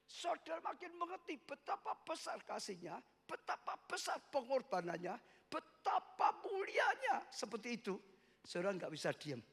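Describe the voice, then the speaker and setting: A man preaches a passionate sermon, his voice pitched high and roughened with a gravelly, husky edge. He swells often into loud cries toward the congregation. The long reverb of a church hall trails behind every phrase. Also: wildly swooping pitch, normal speed. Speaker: pastor. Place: church worship service.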